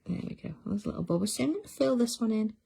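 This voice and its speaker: A middle-aged woman hosts a craft livestream, chatting casually and reading out viewer comments as she works. Her voice is a little high, mellow and husky with some creak, and she talks fast and animatedly.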